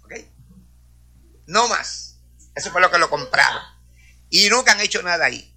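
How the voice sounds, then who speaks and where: A man's voice: high voice, animated, moderate pace, vocal fry, sharp tone. A man from Rico, giving a preaching testimony to a congregation and dropping hallelujahs and praise all through his talk. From Puerto Rico. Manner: peppers speech with hallelujahs and praise. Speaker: church speaker.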